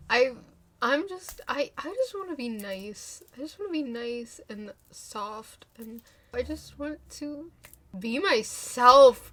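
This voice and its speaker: A woman's voice: on the high side, a bit bright. A young woman in her twenties with a stuffy nose from a cold, ranting frankly to her camera in a casual vlog, rambling and mocking herself. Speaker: vlogger.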